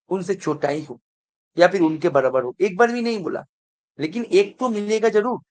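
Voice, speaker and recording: A male math teacher giving an online exam revision lecture, mixing English terms into his talk and often asking whether students are following. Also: sits high. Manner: keeps checking if students follow; mixes English terms into Hindi.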